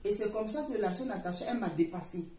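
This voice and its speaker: A woman's voice: medium pitch, quick pace, mellow. A middle-aged woman from Africa, giving an earnest church testimony and retelling it with many restarts. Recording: roomy echo, far from the mic, faint noise.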